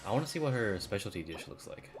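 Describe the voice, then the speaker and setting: Over the sound of game music and dialogue, a live streamer talks casually as he plays. His voice sits on the low side, and he speaks quickly in a sing-song way.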